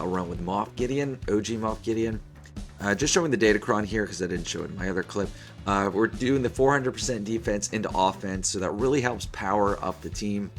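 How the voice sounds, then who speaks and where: A man in his thirties with a hoarse, failing voice, giving casual game commentary as host of a gaming video. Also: fairly low pitch. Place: small room indoors at a desk.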